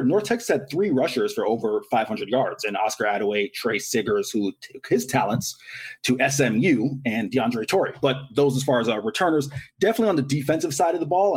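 A man co-hosting a sports podcast, running through stats in lively casual talk. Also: mid-range voice, breathy edge. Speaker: podcast co-host.

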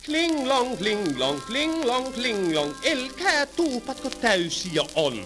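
This 1930s comic number, preserved on an old archive recording with music, features a man in a very high-pitched voice that swings widely in pitch. Playing a fussy tram conductor of old, he sings in a jaunty mood and then berates passengers with rapid patter.

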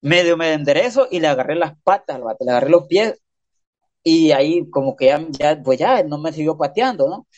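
Fast-talking man telling a story. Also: a little high, animated, darkish tone. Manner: fast, slangy storytelling with sound effects. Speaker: podcast guest, prisoner. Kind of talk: casual storytelling interview.

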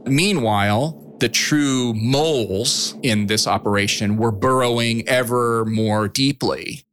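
A man's voice: mid-range voice, slow pace, fairly bright tone, a little hiss or hum. A man speaking conversationally as an interviewed expert, explaining events.

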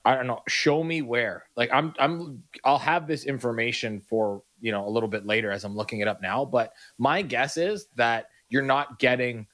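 A man's voice: medium pitch, normal speed, few pauses, a bit bright. A man co-hosting sports talk radio, blunt and emphatic in agreement.

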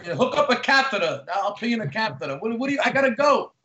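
A man in his late fifties with a New Jersey accent gripes in animated comic banter as a guest. His voice is high for a man. He sounds roomy and echoey, and the line is lo-fi. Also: fast talker. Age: 50s.

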